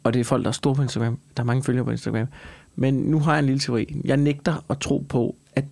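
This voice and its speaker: A man chatting casually and argumentatively, emphatic and animated, swearing and piling up repeated phrases to make his point. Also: mid-range voice, vocal fry. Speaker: comedian and talk show co-host.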